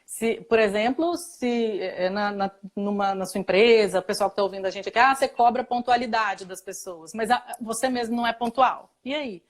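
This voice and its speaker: A woman's voice: medium pitch, normal speed, few pauses. A woman with a Brazilian Portuguese accent, a guest expert in a casual live chat, explaining at length with fillers and laughs.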